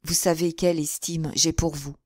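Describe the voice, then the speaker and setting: A woman voicing a male store owner who speaks quietly, tenderly and with restraint. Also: sits low, little pitch movement, normal speed, no echo, studio quality.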